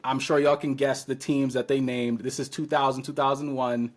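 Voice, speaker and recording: A man in his thirties from Trinidad and Tobago chats casually as a podcast guest, speaking at normal speed in a mid-range voice. He tells lively stories, acting out the things he once said.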